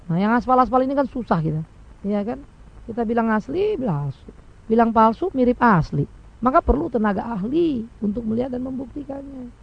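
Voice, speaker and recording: Male preacher, sermon, emphatic, rhetorical questions, gravelly, dull lo-fi recording. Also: extremely high pitch.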